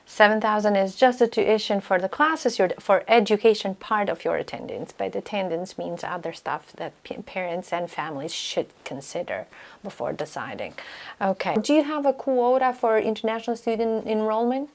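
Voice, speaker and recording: A woman's voice: mid-range voice, normal speed. A woman from Albania conducting an interview, asking probing follow-up questions.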